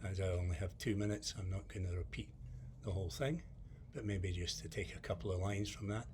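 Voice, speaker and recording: Low-voiced man, relaxed and wry, casual greeting. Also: brisk, slight background noise. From Scotland. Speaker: author sending greetings.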